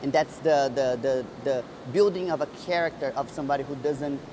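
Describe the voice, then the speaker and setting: Her voice very deep and a bit quick, a thirty-something Brazilian bodybuilder and coach narrates her own story for a vlog amid background noise. The telling is sincere and introspective, broken by frequent restarts.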